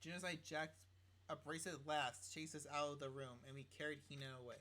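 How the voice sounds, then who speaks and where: A man's voice: on the high side, a little fast. A man streaming a visual novel, reading it aloud and cracking jokes at it. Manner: animated, joking asides, laughs at the game. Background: game music.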